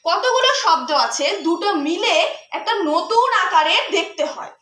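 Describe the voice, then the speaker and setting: A woman's voice: very high voice, expressive, moderate pace, fairly bright tone. A woman teaching young children as a primary school teacher, explaining patiently and asking her class many questions. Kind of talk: teaching children Bengali conjunct letters. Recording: echoey room.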